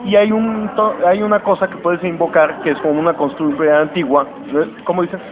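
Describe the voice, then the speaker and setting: A man with a Mexican accent, a comics podcast host, casually retelling a comic's plot in a slangy, animated way and briefly acting out characters' lines. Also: fairly high pitch, crowd noise. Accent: Mexican Spanish. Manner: animated, slangy, acts out lines in quick voices. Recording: dull lo-fi recording with steady noise.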